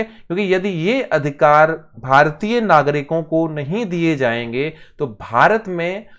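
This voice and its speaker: A man's voice: fairly high pitch, clear, resonant tone. Hindi-speaking male teacher quizzing his class. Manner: rhetorical questions answered himself, frequent "ठीक है" check-ins; emphatic, with sudden bursts of loudness on key terms. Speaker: exam coaching teacher. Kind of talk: online exam-prep lecture.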